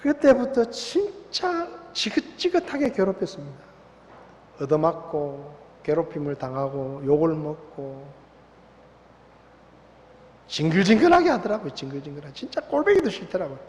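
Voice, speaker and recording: A man with a Gyeongsang accent, preaching a sermon as pastor with animated, story-driven delivery. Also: fairly high pitch, normal speed. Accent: Gyeongsang Korean. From Gyeongsang province, South Korea. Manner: animated storytelling, acting out voices. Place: church sanctuary. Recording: long church hall reverb.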